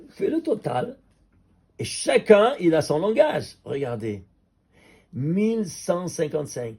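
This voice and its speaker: A man teaching a Torah class as a rabbi, an animated teacher who keeps quizzing his listeners. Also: on the high side, gravelly, husky. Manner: lively teacher quizzing listeners with quick questions. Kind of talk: Torah class on number mysticism.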